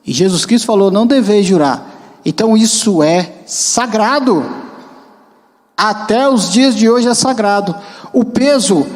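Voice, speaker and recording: A man's voice: high-pitched, a little slow. A man with a Brazilian accent preaching a sermon in church as a deacon, in a conversational way that puts questions to the congregation. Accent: Brazilian Portuguese. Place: church hall. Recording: long church-hall reverb.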